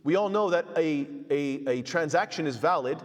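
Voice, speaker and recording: A man's voice: on the high side, normal speed, big-room sound. A man teaching a casual Islamic law class, using Arabic terms, joking and acting out small exchanges between people. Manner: conversational, joking asides, acts out little dialogues. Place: mosque hall.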